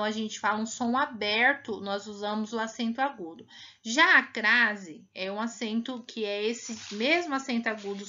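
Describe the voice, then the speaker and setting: Woman from Brazil, primary school teacher, patient, drawn-out words, muffled lo-fi recording. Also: a little high, sharp tone. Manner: patient, sounds out words slowly to demonstrate. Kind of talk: recorded classroom lesson. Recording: muffled lo-fi sound.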